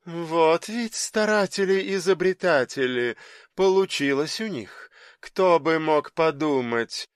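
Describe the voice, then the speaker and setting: A man's voice: fairly high pitch, lively intonation, slow, clean tone, no room sound, studio quality. A man voicing a cold, mocking supernatural woman in an audiobook reading, with a raised, imperious voice. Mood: amused.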